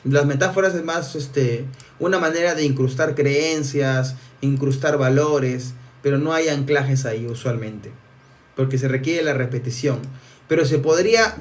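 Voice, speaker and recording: An NLP coach on a live stream responds to viewer comments, speaking with energy at a normal pace in a voice on the high side. He frequently restarts words. The recording sounds distant.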